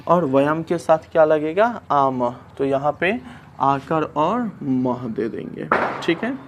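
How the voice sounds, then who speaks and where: Male tutor, unhurried and methodical, talks students step by step through translation drills, slightly raised pitch. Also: expressive, a little hiss or hum. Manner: slow, patient, asks and answers his own questions. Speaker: Sanskrit teacher. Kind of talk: classroom lesson explaining translation.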